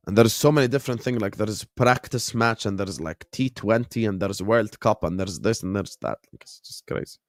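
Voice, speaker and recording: Reacting to a match and reading chat, this late-twenties man from the Gulf keeps his football watchalong stream slangy and laid-back, often chuckling and replying to viewers directly. His lowish voice is expressive and fairly quick with few pauses, recorded at studio quality with no echo.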